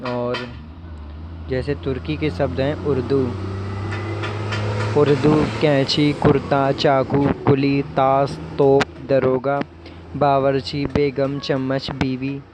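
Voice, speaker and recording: A male YouTube exam-prep teacher slowly reading out lists of vocabulary words one by one. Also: medium pitch, background noise. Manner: slow, listing words one by one.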